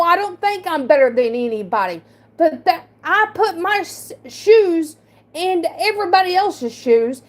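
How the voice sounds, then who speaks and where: A woman livestreaming an emotional monologue. She speaks defensively and haltingly, with a slight speech impediment, repeating and restarting words. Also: very high-pitched.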